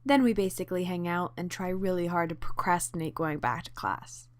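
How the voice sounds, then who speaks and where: A teenage girl narrating a school documentary in a casual, soft-spoken way. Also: fairly low pitch, a little fast, a little hiss or hum. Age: teens. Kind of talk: voice-over narration.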